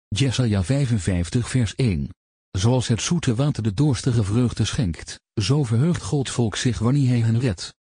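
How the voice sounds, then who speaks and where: A man giving a solemn, measured scripted reading of a gospel tract, citing Bible verse after verse. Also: mid-range voice, warm tone, breathy edge, dry recording, clean studio sound.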